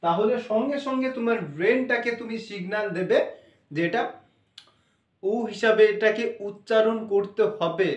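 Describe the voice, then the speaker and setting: A high-voiced man teaches phonics, going over each point more than once and checking in with an "okay" as he goes. He speaks a little way off the mic, so the room rings with echo. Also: recorded from a distance. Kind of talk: spoken English phonics lesson.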